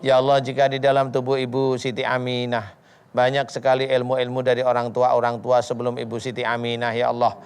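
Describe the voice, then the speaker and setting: A male ustad speaks in a level, even tone with hardly any melody. He counsels briefly, then recites long Arabic prayers at a measured pace. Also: medium pitch.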